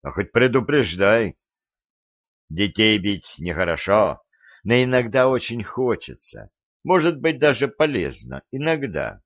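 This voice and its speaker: A man doing patient seasoned monster hunter, calm, dry sarcasm, low voice, lively delivery. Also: measured pace, dry recording, heavily acted. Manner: calm, restrained, occasionally sarcastic. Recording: dull lo-fi recording.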